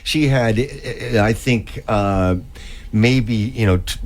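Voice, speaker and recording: A middle-aged man in casual studio chat, telling anecdotes in an informal, halting way as a radio co-host. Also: mid-range voice, a little hiss or hum.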